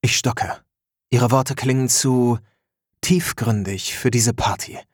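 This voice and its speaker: A man narrating in the first person, measured and inward. His voice is husky and his pace slow and deliberate. The recording is dry and close. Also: medium pitch, steady tone, dry recording.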